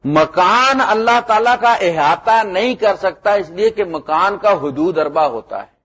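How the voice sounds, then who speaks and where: Animated middle-aged male preacher, muffled recording. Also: slightly rough. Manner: animated, swings between loud emphasis and low asides. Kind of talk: sermon.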